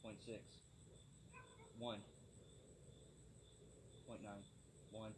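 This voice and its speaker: A man's voice: fairly low pitch, flat delivery, very slow. A man on a ghost investigation, casually and tersely reporting readings from a meter. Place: outdoors at night. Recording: noisy night outdoors, insects chirping.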